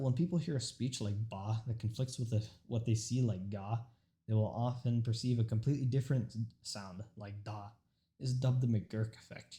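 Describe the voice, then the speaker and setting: Reading a prepared informative talk, this young student, a native Urdu speaker, sounds earnest and largely steady, with occasional stumbles and restarts. His voice is lowish.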